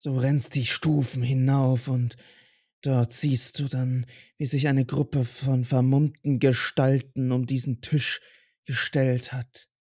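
A man narrating as game master in a slow, atmospheric way. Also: mid-range voice, level tone, darkish tone, breathy edge, no room sound, clean studio sound. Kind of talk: narrating an audio role-play.

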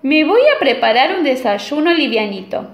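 A woman's voice: high-pitched, sing-song, moderate pace. Woman doing a vain storybook wolf. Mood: self-satisfied. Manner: showy, pleased with himself. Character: vain, fussy male wolf in a children's story. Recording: echoey room.

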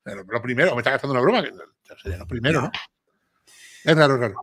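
A man's voice: mid-range voice, rapid-fire, slightly rough. A man from Seville with an Andalusian accent, talking through a true-crime series on a casual live stream and acting out quoted dialogue. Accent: Andalusian Spanish. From Seville, Spain. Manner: animated, acts out quoted dialogue, swears casually.

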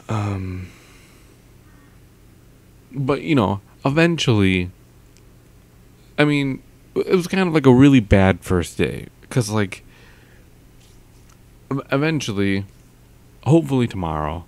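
A young man with a slightly mellow mid-range voice vlogs at home in a sing-song, somewhat slow way, with vocal fry and long pauses. He rambles into a close mic with a pop filter, full of fillers and trailing thoughts.

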